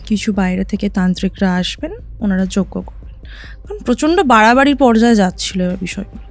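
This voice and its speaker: A woman telling a listener her own ghost story in a casual podcast chat, vivid and animated, often asking "right?". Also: mid-range voice, fairly quick, soft background music. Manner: recounts events vividly, often checking in with "right?".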